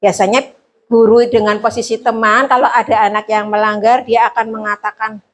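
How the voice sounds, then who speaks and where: High-voiced woman teacher presenting. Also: fairly quick. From Indonesia. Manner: lively, explains with acted examples. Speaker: teacher and trainer. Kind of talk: training presentation to fellow teachers.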